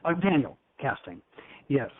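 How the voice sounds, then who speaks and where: A man's voice: mid-range voice, big pitch swings, a little slow, slight background noise. A man hosting a talk show in a flamboyant, teasing, effusive manner. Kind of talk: campy talk show chat. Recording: tinny phone-like line.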